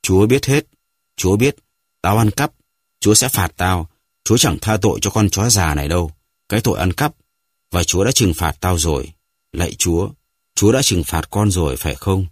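A man voicing a hoarse, panting old grandfather who is full of guilt and rage in a read-aloud story. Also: deep voice, expressive, normal speed, no room sound, studio quality. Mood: anguished.

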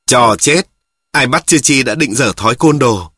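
A man's voice: medium pitch, lively intonation, normal speed, sharp tone, husky, no room sound. A man reading a story, voicing a weary grown son who talks in a dry, mocking way. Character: weary, sardonic adult son.

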